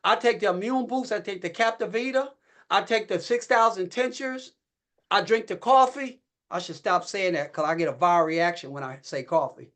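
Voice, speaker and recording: A man on a company call giving a folksy, preachy motivational talk, repeating phrases and rising high and loud when fired up. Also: normal speed. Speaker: network marketing leader speaking on a company call.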